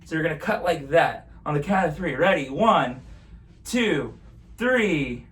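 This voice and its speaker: A man with a fairly high voice hosts a magic show like a kids party magician. His patter is playful and chatty, speaking straight to the viewers. He is recorded a little away from the mic, with faint room noise around him. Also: expressive, measured pace. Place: at home in an apartment. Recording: distant mic, noisy room ambience.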